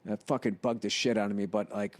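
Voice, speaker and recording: A middle-aged man, hosting a podcast, reading listener emails and riffing on them with profane, animated comedy. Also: lowish voice, quick pace.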